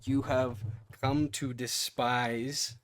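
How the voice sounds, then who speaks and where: Slow-talking game master, laughing often. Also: male voice, mid-range voice, level tone, slight background noise. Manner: laughs often, hesitant with fillers. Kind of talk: running a tabletop game.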